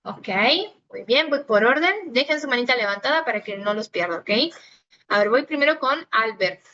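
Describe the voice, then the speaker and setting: A woman's voice: on the high side, animated, moderate pace, pushed and bright. A woman whose first language is Italian, teaching an online language class in Spanish, patient and explanatory, often checking in with "ok?". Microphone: phone recording of a video call. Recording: dull phone recording of a video call.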